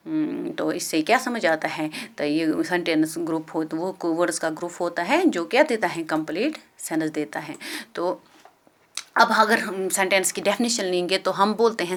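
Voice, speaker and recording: A woman with a Kashmiri accent teaching an English grammar lesson, explaining in Hindi-Urdu and reading English example sentences out slowly. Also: on the low side, a bit bright.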